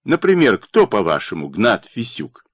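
A man's voice: lowish voice, huge pitch swings, normal speed, no room sound, studio quality. A man reading a domineering, sarcastic party official. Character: arrogant male party official, harsh and mocking.

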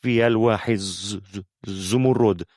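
A man's voice: lowish voice, measured pace, darkish tone, dry recording, clean studio sound, natural voice. A man doing a stammering, nervous storyteller. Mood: nervous, secretive. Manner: heavy stammer, repeating first sounds. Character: nervous male occult storyteller who stammers badly. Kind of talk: audiobook character voice.

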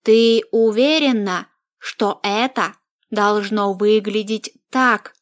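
A hesitant young prince, embarrassed and doubtful, as a woman reads him. Slow, unsure delivery in a read-aloud storybook. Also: mid-range voice, fairly even intonation, close to an everyday voice.

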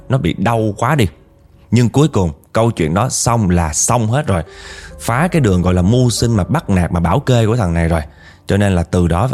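A man casually telling a ghost story to his viewers, his voice climbing when he quotes angry outbursts. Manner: animated, rises in pitch when quoting angry speech.

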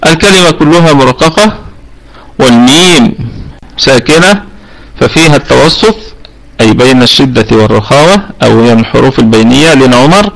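A man with an Egyptian Arabic accent leads a live online class on Quran recitation rules, using a computer voice-chat mic that gives a rough recording. His mid-range voice is expressive, fairly quick, creaky, and a bit bright. He asks students questions patiently and repeats sounds as demonstrations.

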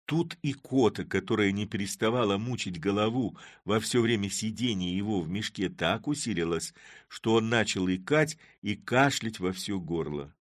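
A man narrating classic prose in an animated, dramatic audiobook reading. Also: on the low side, normal speed, no room sound, clean studio sound.

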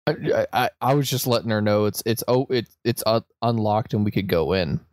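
A man's voice: fairly low pitch, normal speed, a little mellow, no echo. A man playing a tabletop game, speaking hesitantly with frequent stumbles and restarts. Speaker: player.

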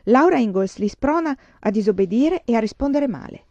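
A woman voicing a spiteful, angry young schoolteacher in a shrill, indignant tone. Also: huge pitch swings, a little fast, warm tone, dry recording. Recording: dull, dry lo-fi audiobook recording.

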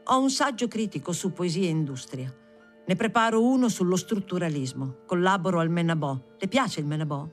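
A reader voicing a chatty, unperturbed young woman with a shrill voice and a pushy, rambling way of talking in an audiobook. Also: lively intonation, brisk, faint music behind, natural voice. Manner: talkative, rambling, overly familiar.

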